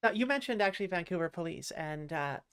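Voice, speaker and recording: A woman's voice: lowish voice, expressive, fast, a bit bright, clean tone. A woman hosting a casual livestream interview. She is chatty, laughs easily and reads out viewer comments. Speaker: livestream show host.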